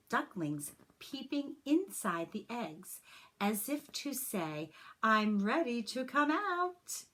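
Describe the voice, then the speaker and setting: A woman reads a children's picture book aloud the way a teacher would, with expressive, deliberate phrasing. Her voice is medium in pitch, and she adds personal asides for her young listeners.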